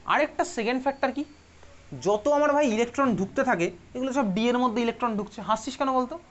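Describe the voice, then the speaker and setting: A man's voice: very high-pitched, quick pace, fairly bright tone. A man teaching a chemistry class with a Bengali accent, chatty and teasing, often asking the students questions. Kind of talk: classroom lecture. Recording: dull lo-fi classroom recording.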